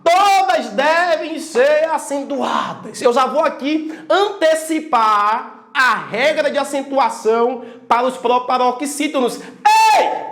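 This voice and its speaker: A man teaching a grammar lesson with energy, loudly calling out syllables to show stress. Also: very high-pitched, roomy sound. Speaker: Portuguese teacher.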